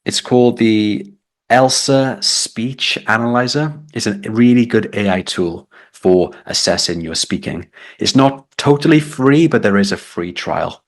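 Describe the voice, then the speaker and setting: Brief: British male tutor, low-pitched, upbeat live-lesson explainer. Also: measured pace. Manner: explaining, reading chat comments aloud. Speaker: English test tutor.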